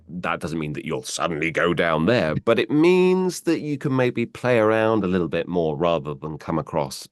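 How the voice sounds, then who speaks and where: A man working as a voice actor, answering interview questions in an animated way and playing with his pitch as he explains. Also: no room sound, clean studio sound. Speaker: voice actor guest.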